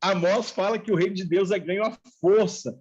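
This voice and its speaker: Pastor, middle-aged man with a high voice, tells his story vividly and does all the dialogue himself; lo-fi stream audio. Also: fairly even intonation, brisk, over a noisy crowd. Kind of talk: personal testimony in a live chat. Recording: dull lo-fi live-stream audio.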